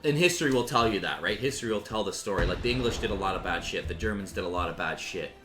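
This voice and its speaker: A man's voice: on the low side, lively intonation, quick pace, fairly bright tone. Male gaming commentator, loose and profane, roomy room sound with faint background music. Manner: profane, rambling, restarts sentences. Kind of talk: casual rambling commentary.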